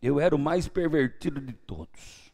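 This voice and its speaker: A man preaching a sermon as pastor, with a Brazilian Portuguese accent, telling his testimony and swinging between hushed, quiet lines and loud, lively ones. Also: on the high side, moderate pace, vocal fry. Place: church.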